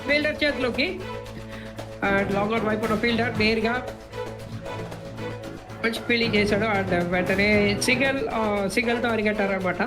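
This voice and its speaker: Woman, excited cricket commentator, high voice, English terms mixed in, music playing behind. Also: normal speed, pauses often.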